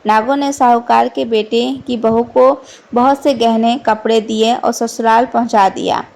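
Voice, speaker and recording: A woman reading out a devotional festival folk tale in a slow, even storytelling manner. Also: fairly high pitch, gravelly.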